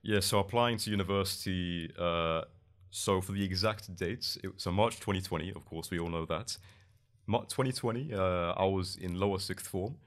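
A young man with a London accent and a low voice talks through his story as a podcast guest. He wanders, restarting words and leaning on fillers. He speaks into a boom mic in a small studio. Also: normal speed. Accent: London English. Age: young adult. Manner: loose, rambling with many restarts and fillers. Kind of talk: casual interview. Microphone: boom mic on arm.

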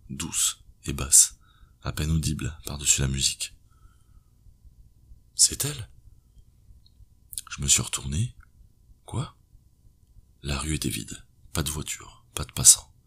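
A man narrating a thriller audiobook in a tense, measured telling, with a husky, gravelly voice. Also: very deep voice, sharp tone.

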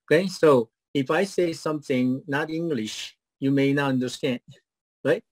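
Speaking into a webcam from his home office on a video call, a middle-aged man with a Korean accent runs through a practiced startup pitch. When questions come, he turns hesitant, stumbling over fillers and restarting sentences. The sound is dry and a little mellow.

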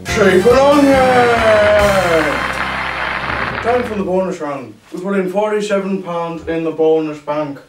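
Parody quiz host , young male actor: cheesy rambler, slightly high voice, echoey distant mic. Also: normal speed, few pauses, natural voice. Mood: showy. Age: young adult. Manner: showy, rambling, catchphrase-heavy. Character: bumbling, cheesy male veteran game show host. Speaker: game show host. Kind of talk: game show parody presenting. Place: small indoor room with makeshift set. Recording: echoey room, distant mic, music behind.

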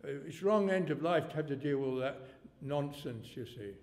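This pastor, in his eighties, has a fairly quick, high-leaning voice with a darkish tone and lively intonation. He wanders through his sermon in a folksy manner, abruptly raising his volume for emphasis, and the church hall adds a long reverb.

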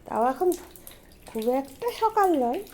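A woman's voice: very high-pitched, sing-song, a little slow, a little hiss or hum. A woman vlogging at home, talking casually to viewers and coaxing her dog with affectionate baby talk.

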